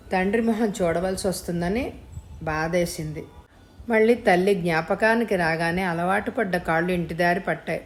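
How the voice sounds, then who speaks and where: Low-voiced woman reading a story. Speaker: audiobook narrator. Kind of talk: scripted story narration.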